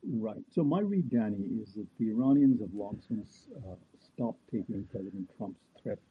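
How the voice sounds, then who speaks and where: A man's voice: fairly low pitch, lively intonation, moderate pace, breathy edge. An older man, a remote guest expert, whose voice comes through muffled, as if from behind a wall, while he tries to fix his audio. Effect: muffled, as if heard through a wall. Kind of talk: remote interview over a bad connection. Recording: muffled, phone-like remote line.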